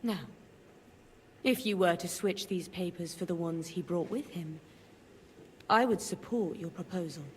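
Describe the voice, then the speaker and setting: A woman voicing a composed, commanding noble lady in a game, with a measured, cool manner. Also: fairly low pitch, natural voice. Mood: scheming. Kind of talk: game dialogue acting. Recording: echoey hall, faint background noise.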